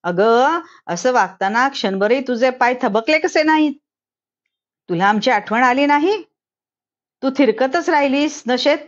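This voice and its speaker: A woman's voice: high-pitched, expressive, a little slow, dull audio, pitched above the performer's own voice. A woman doing an angry, distraught mother. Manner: angry, reproachful. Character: distraught mother scolding her teenage daughter.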